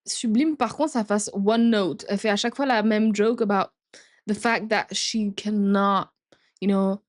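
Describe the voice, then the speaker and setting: A woman's voice: medium pitch, fairly even intonation, a little slow, no echo, studio quality. A woman giving frank, opinionated commentary on a TV show she is reacting to. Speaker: reaction video host. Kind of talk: casual commentary.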